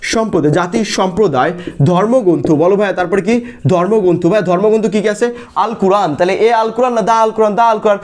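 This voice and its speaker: A young male tutor from Bangladesh with a high, bright-edged voice races through an exam-prep grammar lesson. He throws out quick questions, answers them himself, and calls his listeners brother again and again. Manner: quizzes students by asking a question and answering it himself. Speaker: English tutor. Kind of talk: energetic exam-prep lesson with call-and-response drills.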